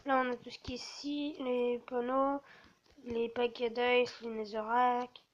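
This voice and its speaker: Woman gamer showing off her server, slow and unsure, lots of euh, dull lo-fi mic. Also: a little high, little pitch movement. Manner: hesitant, lots of fillers. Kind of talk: casual game walkthrough. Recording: dull lo-fi mic with faint hiss.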